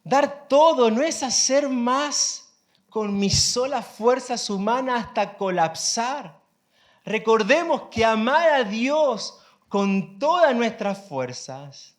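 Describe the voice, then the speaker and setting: A male pastor delivers a sermon at an unhurried pace, leaning on drawn-out words. He keeps turning to the congregation with questions and lifts his voice on key lines. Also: sits high. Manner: preaching with rhetorical questions to the congregation.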